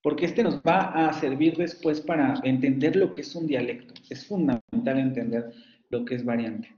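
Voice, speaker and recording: A man's voice: medium pitch, moderate pace, a little mellow. Lecturing man. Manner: explanatory, often checks students follow. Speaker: university lecturer. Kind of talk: online lecture. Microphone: computer mic on video call. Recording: echoey, dull lo-fi call audio.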